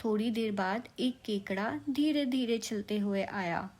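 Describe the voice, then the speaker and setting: A woman narrating a children's story in a gentle, unhurried way. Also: mid-range voice.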